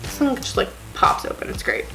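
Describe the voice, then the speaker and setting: Sitting in her home basement before a desk camera and ring light, a woman vlogging about beauty chats in a rambling, self-deprecating way full of "like." She's slightly sniffly, and faint music plays. She speaks fairly quickly in a pushed, bright voice, and the recording quality is low.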